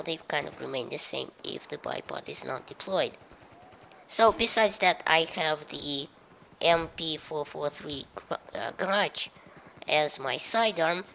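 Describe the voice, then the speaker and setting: A low, gravelly woman's voice with a Russian accent narrates gameplay commentary. She talks in a dry, sarcastic way, pausing often with filler sounds. Her delivery is hesitant. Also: fairly bright tone, a little hiss or hum, poor audio. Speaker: gaming commentator.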